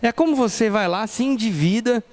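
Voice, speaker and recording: A man's voice: sits high, a little fast, darkish tone. A Brazilian man in his thirties preaching a sermon and telling family stories, acting out the people in them. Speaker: pastor. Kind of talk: sermon with personal storytelling.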